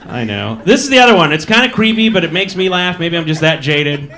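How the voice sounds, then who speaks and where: A man with an Upper Midwest American accent works a comedy club stage, his voice sitting a touch high. He tells his stand-up stories in a dry, wry way and tosses in quick asides. Faint club ambience hums behind the mic. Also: lively intonation, sharp tone, slight background noise.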